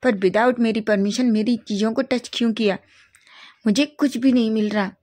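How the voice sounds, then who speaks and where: A woman's voice: a little high, steady tone, normal speed, lightly acted. A woman voicing a spoiled, short-tempered young male superstar who snaps and complains in a storybook reading. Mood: angry. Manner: shouting, petulant.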